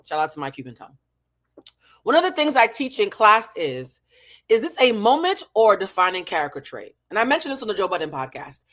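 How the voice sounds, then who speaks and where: This New England woman, an online host and emotional intelligence teacher, sounds medium in pitch with big pitch swings, a fairly bright tone and a slightly fast pace. Facing the camera, she gives a blunt, heavily profane, opinionated reality show recap, repeating herself rhetorically for effect.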